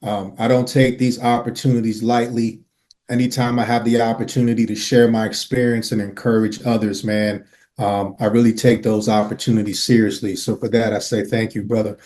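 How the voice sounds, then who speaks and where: A man's voice: lowish voice, little pitch movement, brisk, a little mellow. Earnest man from Miami telling his story. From Miami, Florida. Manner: earnest, slangy, lots of "uh" and "right?". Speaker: podcast guest. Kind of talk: storytelling in an interview.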